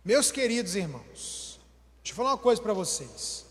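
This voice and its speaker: A man's voice: high-pitched, moderate pace. A man preaching a humorous sermon with a Brazilian Portuguese accent, acting out everyday dialogues. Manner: animated, acts out everyday dialogues. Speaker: pastor. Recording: long hall reverb.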